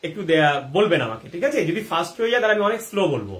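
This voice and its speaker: A man's voice: high voice, sing-song, very fast, fairly bright tone. A man hosting a live gardening Q&A. He answers viewers' questions and asks himself rhetorical questions, checking in with the audience often. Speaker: gardening advice host.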